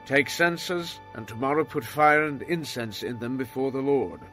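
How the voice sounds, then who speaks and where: A man's voice: medium pitch, normal speed, natural voice. An actor playing a stern, commanding male prophet leader in a dramatized scripture reading, with faint music behind. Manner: forceful, pleading at times.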